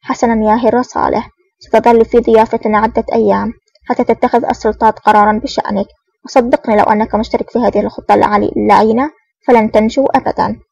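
A woman's voice: a little high, fairly even intonation, fast, creaky, a little mellow, husky, no room sound, recorded from a distance, muffled recording. Woman reading as a suspicious prison officer. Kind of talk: audiobook reading.

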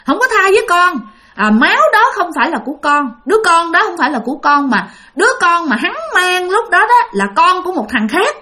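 A woman's voice: high-pitched, big pitch swings, moderate pace, bright, forceful tone, voice pushed up, full character voice. A woman telling of a bitter young man's ghost. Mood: resentful. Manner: insistent, repeating himself.

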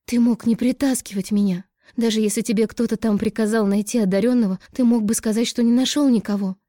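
Tearful, bitter young woman, put on by a woman reader, sharp and raised, dry close sound. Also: fairly high pitch, fairly even intonation, fast talker, dry recording, voice pushed up, natural voice. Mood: anguished. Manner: sharp, raised, on the verge of tears.

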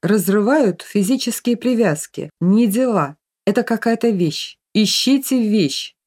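A woman's voice: medium pitch, expressive, darkish tone. Woman doing a stern old witch grandmother. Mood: irritated. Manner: slow incantatory chanting, curt orders. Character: elderly village witch grandmother, stern and commanding.

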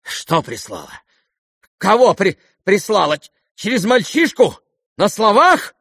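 Lizaveta Prokofyevna, a shrill stormy matron, as a man puts her on. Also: wildly swooping pitch, measured pace, breathy edge, no echo, studio quality, full character voice. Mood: furious. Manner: shrill, shouting, imperious scolding. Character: irascible aristocratic older woman, stormy. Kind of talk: audiobook character voice.

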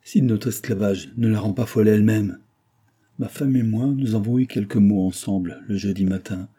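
A man's voice: lowish voice, warm tone, slightly rough. A man doing an indignant accused clerk. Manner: protesting, indignant. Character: indignant male clerk defending himself.

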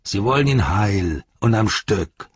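A man voicing a gruff, bossy male orc captain who barks out orders in an audiobook reading. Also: fairly low pitch, lively intonation, a little slow, dry recording, muffled recording. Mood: barking. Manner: barking, commanding tone.

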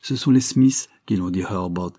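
A man's voice: low-pitched, moderate pace, warm tone, no echo, studio quality. A man voicing an eager young woman.

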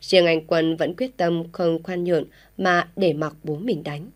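A woman reading a story aloud as an audiobook narrator, in a steady storytelling manner. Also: on the low side, a little slow.

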